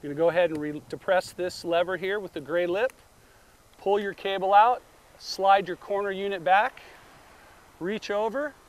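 Standing by a car at the beach, a middle-aged product demonstrator explains a roof rack in plain, step-by-step instructions. His voice sits high and moves at a normal pace, captured outdoors on a camera mic.

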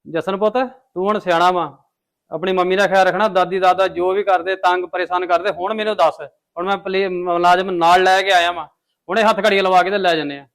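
A man's voice: high-pitched, fairly even intonation, brisk. A man playing an uncle and brother who lectures and reassures his family in a web drama. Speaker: brother and uncle giving advice.

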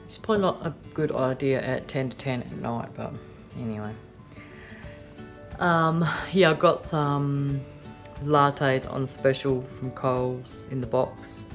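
Australian woman vlogger, low voice, chatty and rambling, phone in a car at night. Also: a little slow, faint music behind. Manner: chatty, rambling, lots of ums and yeahs. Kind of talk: casual haul chat.

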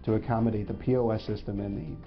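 A man in his forties calmly explaining a stadium network in a corporate testimonial interview, filmed in a studio. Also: on the low side, fast talker, creaky. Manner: plain, matter-of-fact explaining. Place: indoor studio before a logo backdrop. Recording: slightly dull audio with faint music.

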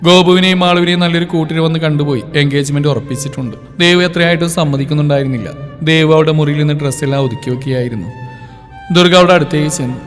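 A man's voice: fairly high pitch, fast. Man narrating a dramatic story. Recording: long reverb, soft music behind.

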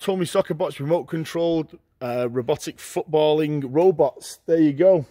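A middle-aged man walking through a large warehouse, listing auction lots in short, brisk phrases as he goes. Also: fairly high pitch, warm tone. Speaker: auctioneer giving a viewing tour. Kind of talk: walking tour commentary. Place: large indoor warehouse with shelving.

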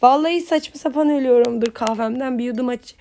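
A woman's voice: high voice, warm tone. A woman giving playful, casual commentary while playing a mobile game, just woken up and chanting words over and over. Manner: playful, chatty, repeats words in quick chants.

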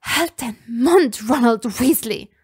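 A woman voicing a desperate young woman whose voice nearly cracks, shrill and loud. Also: animated, slow, husky, no room sound, studio quality, full character voice. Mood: angry. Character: young woman shrieking in panic.

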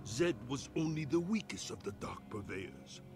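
A dying old sensei. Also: male voice, mid-range voice, lively intonation, a little mellow, slightly rough, faint music behind. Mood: solemn. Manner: slow solemn warnings. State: coughing, weak. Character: dying old male martial-arts sensei, grave.

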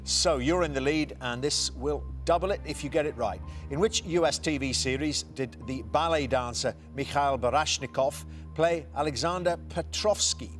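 A man hosting a television quiz show in a studio, briskly reading out questions and answer options. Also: on the high side, fairly bright tone, faint music behind.

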